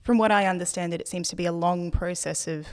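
A woman with a lowish voice hosts a podcast interview. She speaks in a measured, easy conversational way. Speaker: podcast host.

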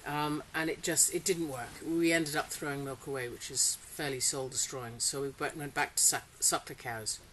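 A woman's voice: deep voice, steady tone, moderate pace, few pauses, fairly bright tone, rough recording. A middle-aged woman who grew up in Singapore, talking casually about her farm in an interview with frequent fillers and laughter. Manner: chatty, laughs often, hesitant with fillers. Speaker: interviewee, farmer. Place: polytunnel on a farm. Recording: faint hiss, rain on tunnel.

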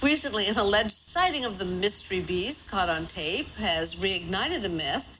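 A woman's voice: mid-range voice, expressive, moderate pace, fairly bright tone, slight background noise, rough recording. A woman presenting a news report, in a clip with faint music.

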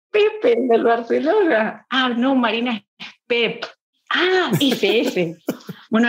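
A woman guest telling a lively anecdote in a podcast interview, acting out the dialogue and laughing often. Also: fairly high pitch, muffled recording. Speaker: guest, business executive. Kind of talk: conversational anecdote.

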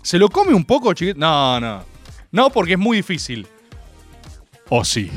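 A young man with an Argentine accent hosts a radio show in a casual, sarcastic chat. His voice sits high and swings widely, jumping from mocking squeaks down to grumbled asides. Faint music plays under him. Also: moderate pace. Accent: Argentine Spanish. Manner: animated, sarcastic, jumps between high mock voices and low mutters. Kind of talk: casual comedic radio talk.

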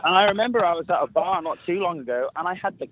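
A man's voice: high-pitched, lively intonation, fast, background noise. A British man in his thirties from England, a guest telling stories in an easygoing way and laughing now and then. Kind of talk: casual interview. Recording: tinny phone line.

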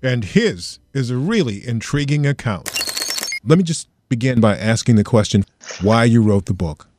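A man hosting a podcast, delivering scripted narration and questions deliberately, with emphatic pauses. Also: mid-range voice, expressive, noisy background. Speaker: podcast host and interviewer. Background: music.

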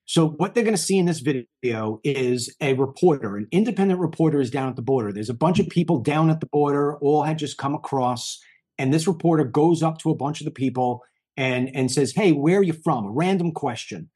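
Husky, heated man in his fifties. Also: a little high, expressive, a little fast, a little mellow. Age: 50s. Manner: heated, emphatic, repeats himself. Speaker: news show host. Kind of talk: political commentary.

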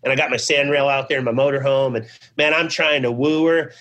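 A man's voice: mid-range voice, fairly even intonation, a little fast, fairly bright tone. A middle-aged man speaks as a guest in a casual interview, walking through his past. His talk rambles, dotted with "you know" and "man". He slips into the voices of people he remembers as he retells their conversations. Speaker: interview guest, business founder.

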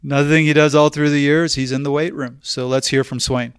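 A man from Canada co-hosting a podcast, lively and self-deprecating in casual chat. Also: fairly high pitch, brisk, clean tone, no room sound, studio quality. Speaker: podcast co-host.

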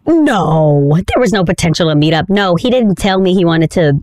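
A woman's voice: on the low side, expressive, moderate pace, darkish tone, no echo, clean studio sound. A woman co-hosting a podcast in casual chat, laughing often and repeating herself for emphasis. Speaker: podcast co-host.

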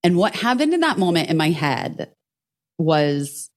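A woman co-hosting a podcast, telling a story in casual chat, animated and swearing freely while acting out what others said. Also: fairly low pitch, unhurried. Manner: animated, swears a lot, acts out quotes. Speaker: podcast co-host.

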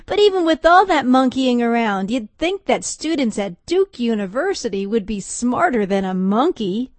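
A woman's voice: fairly high pitch, big pitch swings, moderate pace, no echo. A woman reading a scripted feature story as a radio news reporter.

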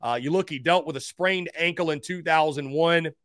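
Higher-voiced man hosting a sports countdown, dry sound. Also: moderate pace, a bit bright, dry recording. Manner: emphatic announcing of each ranking and name, addressing listeners as guys. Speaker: sports host counting down a ranked list. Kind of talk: top-five countdown sports commentary.

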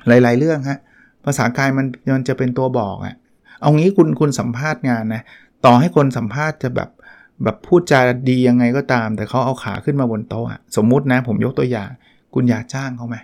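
This book review podcaster has a mid-range, slightly mellow voice with fairly even intonation, and he talks fairly quickly. He keeps things chatty and casual in his solo show, acting out small quoted examples.

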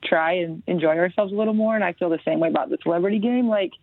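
Gravelly woman on a tinny phone line. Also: on the low side, very fast, dry recording. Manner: upbeat, filler-heavy, easygoing. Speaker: panelist. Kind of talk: casual sports chat.

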